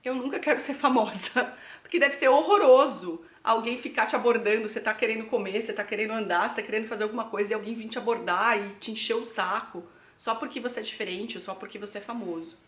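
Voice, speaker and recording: A woman's voice: fairly high pitch, fast, hardly any pauses, fairly bright tone. A young Brazilian woman with a Brazilian Portuguese accent, chatting reflectively to her viewers in a casual vlog. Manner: chatty, addresses viewers directly as "gente". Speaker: travel vlogger. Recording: echoey room.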